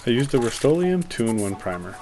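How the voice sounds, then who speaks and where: A man's voice: medium pitch, sing-song, brisk, warm tone, faint music behind. A man giving a casual, matter-of-fact voice-over for a how-to video, explaining each step plainly. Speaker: maker narrating a how-to video. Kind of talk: casual scripted tutorial voice-over.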